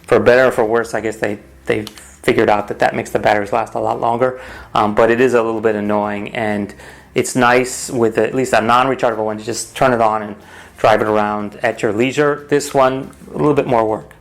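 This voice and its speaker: A man's voice: fairly low pitch, steady tone, brisk. A man giving a casual, rambling, matter-of-fact hands-on product review as the host of an unboxing vlog. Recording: home recording with clear noise and clicks.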